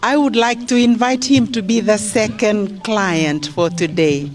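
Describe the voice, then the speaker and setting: A woman's voice: medium pitch, measured pace, music in the background. A woman from Fiji with a Fijian accent, giving a live presentation to visitors as a demonstrator. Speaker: beauty therapy demonstrator.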